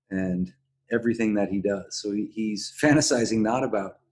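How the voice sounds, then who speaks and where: A man hosting a casual podcast discussion, speaking in a halting way and often backtracking on his words. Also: fairly low pitch, darkish tone. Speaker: podcast host.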